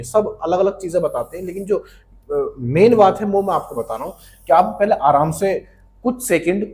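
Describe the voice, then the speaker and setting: A man's voice: fairly high pitch, darkish tone. A man teaching grammar for exam prep. He talks to the viewer in a friendly way, calling them his friend. He asks a question and answers it himself, and he repeats the key terms.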